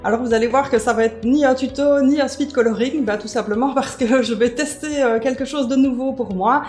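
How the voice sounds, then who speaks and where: A woman's voice: high voice, fairly quick, darkish tone, faint music behind. A woman hosting a coloring craft video, chatting casually with many fillers and joking at herself. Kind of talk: casual coloring tutorial chat.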